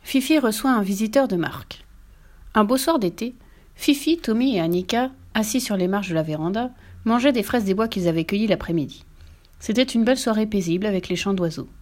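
A woman's voice: medium pitch, fairly quick. Woman reading a children's storybook. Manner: clear, even read-aloud narration. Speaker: narrator.

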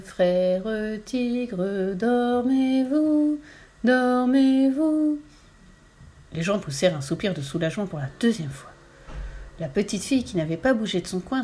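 A woman reads a children's story aloud at a medium pitch, keeping her narration steady and clear. She moves the tale along at an even pace. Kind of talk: storybook reading.

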